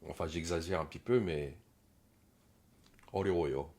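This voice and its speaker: A man giving a casual pronunciation lesson, coaching a learner with gentle critique and many hesitant filler pauses. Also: low-pitched, lively intonation, a little hiss or hum.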